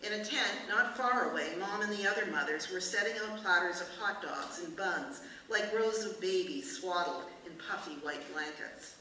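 A woman author reading aloud from her novel at a book festival, in measured, expressive narration. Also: on the low side. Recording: echoey room from far off, hiss.

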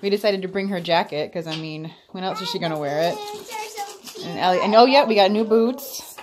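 A woman vlogging casually on a handheld phone, chatty and excitable, with self-deprecating asides. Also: medium pitch, brisk. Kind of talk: casual vlog narration. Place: busy stores, mall and church halls. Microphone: handheld phone camera. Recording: loud crowd and background noise. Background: crowd chatter and store noise.

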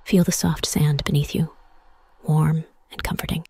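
Soft scripted narration for a guided meditation comes from a woman whose low, dark voice is very breathy, half-whispered and edged with gravelly fry. She keeps a level tone, offering calm, measured phrases separated by generous pauses.

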